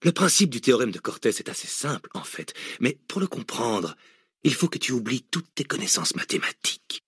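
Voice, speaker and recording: A male audiobook reader voicing a cynical, deranged hooded villain who lectures mockingly and erupts into shouts. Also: medium pitch, sing-song, a little fast, breathy edge, no room sound, studio quality, full character voice. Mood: lecturing. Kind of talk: audiobook reading.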